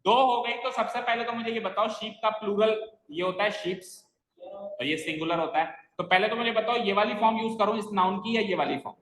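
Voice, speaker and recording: A man's voice: high voice, a little fast, a bit bright. A man teaching a grammar lesson in a classroom, explaining step by step and quizzing his students with questions. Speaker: English teacher. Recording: echoey classroom with long reverb.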